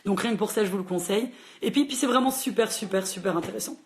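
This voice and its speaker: A woman hosts a casual livestream book chat for a library. She talks fast and chattily, with lots of fillers. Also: medium pitch, slight background noise. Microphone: phone livestream.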